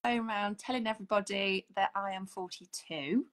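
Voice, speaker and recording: A woman's voice: mid-range voice, brisk, a bit bright. A woman in her forties, a holistic therapist, chatting earnestly as a guest on a video call. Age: 40s. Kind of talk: casual video-call chat. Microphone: video call, audio only.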